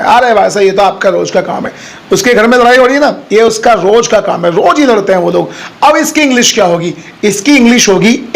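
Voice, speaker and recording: A man teaching everyday English phrases as a spoken lesson, repeating each phrase slowly and deliberately for learners. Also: high voice.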